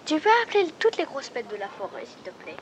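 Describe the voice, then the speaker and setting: A woman's voice: a little high, big pitch swings, fast talker. Woman doing Panache, an eager little squirrel. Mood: pleading. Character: eager young male squirrel.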